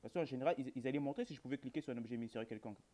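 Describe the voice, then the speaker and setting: A man's voice: medium pitch, rapid-fire, mellow. A man giving casual horror game commentary, rambling to his viewers in colloquial speech with dry jokes. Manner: rambling, addresses viewers, colloquial, dryly joking. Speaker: gamer, video host.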